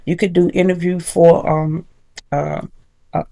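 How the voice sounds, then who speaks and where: A woman teaching confidence habits in a casual, encouraging way, slowing down to stress key points. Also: on the low side, flat delivery, creaky, warm tone. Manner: casual, encouraging, slows down for emphasis. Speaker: confidence coach. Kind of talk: motivational tutorial.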